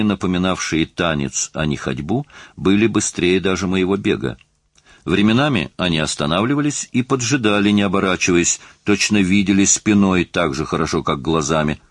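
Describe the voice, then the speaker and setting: A man with a deep, low-pitched voice narrates an audiobook. His reading is dramatic and charged with emotion. The sound is close and dry, with almost no room echo. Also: expressive, moderate pace.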